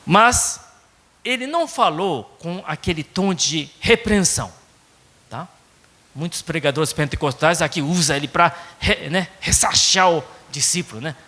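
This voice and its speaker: Japanese-accented man preaching, bright and unhurried, casual tag questions, long church reverb. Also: a little high. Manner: conversational, frequent tag questions. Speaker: pastor. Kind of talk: sermon. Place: church sanctuary.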